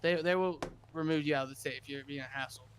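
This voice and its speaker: A man's voice: on the high side, fairly even intonation, quick pace, a little hiss or hum. A man playing a governor in a casual roleplay chat, rambling and repeating himself as he talks over others.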